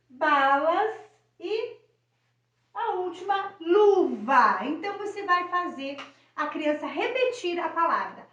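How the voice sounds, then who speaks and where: Woman educator, high voice, patient lesson delivery with sounded-out syllables, distant and dull sound in a strongly echoing room. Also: fairly bright tone. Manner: slow, stretched-out syllables when modeling words for children; frequent tag questions and checking in with the viewer. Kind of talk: teaching video lesson. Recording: echoey, dull audio from a distance.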